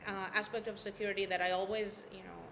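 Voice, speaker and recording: A woman yoga teacher talks a workshop group through a story in a gentle voice, easing into soft, hushed repetitions of calming phrases. Her pitch sits at an ordinary middle height. A faint hum of noise runs behind her. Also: fast, creaky. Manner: gentle, storytelling, drops soft and quiet on affirmations. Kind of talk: workshop talk with guided repetition. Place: workshop room.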